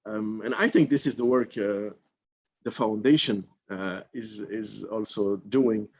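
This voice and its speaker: On slightly dull lo-fi audio, a man from Morocco who was once a member of parliament talks at a mentorship forum. He's thoughtful but hesitant, pausing often on fillers, with a darkish, low-side voice that moves a little slowly.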